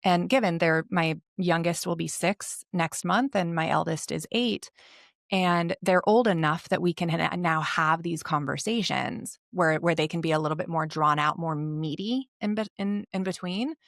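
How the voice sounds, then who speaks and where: A woman's voice: lowish voice, normal speed, vocal fry, no echo, studio quality. A woman in her thirties, a mental health coach, speaking candidly and earnestly in a podcast interview and swearing often. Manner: reflective, earnest.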